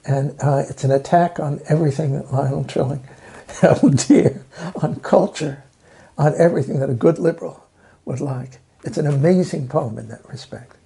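Gravelly, husky man explaining. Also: on the high side, normal speed. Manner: animated storytelling, emphatic, repeats words. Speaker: literary scholar interviewee. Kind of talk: documentary interview.

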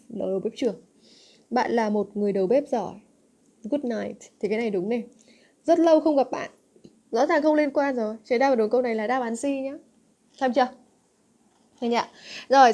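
A woman's voice: on the high side, dark tone. A young woman teaching an English exam-answer lesson, coaxing her students with frequent check questions. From Vietnam.

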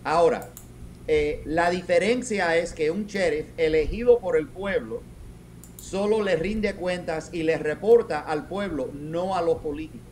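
A middle-aged man, a retired police commander, answering interview questions over a webcam from a home office, talking haltingly with many restarts and English words mixed in. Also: fairly high pitch, darkish tone, slight background noise. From raised in New York. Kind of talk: video call interview. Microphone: video call webcam.

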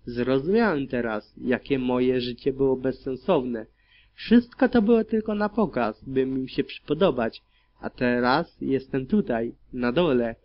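A man narrating dark fan fiction in the first person as an audiobook, reading in a grim, steady manner. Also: medium pitch. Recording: dull lo-fi recording.

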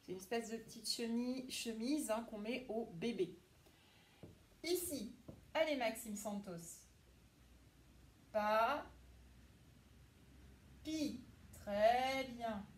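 A woman teaching a class lesson to young children, speaking slowly and clearly and praising pupils by name. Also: a little high, a little mellow. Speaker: primary school teacher.

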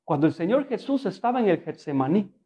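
A man's voice: sits high, very animated, fast talker, mellow. A male pastor preaching a sermon in a conversational, storytelling way, often asking his listeners rhetorical questions and adding humor.

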